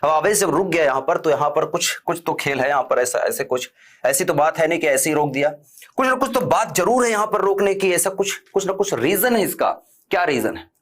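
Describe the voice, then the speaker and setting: A man's voice: on the high side, animated, a little fast. A man teaching a physics class online. He keeps asking his students questions, answers them himself and repeats key terms. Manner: stern when telling students to stop chatting.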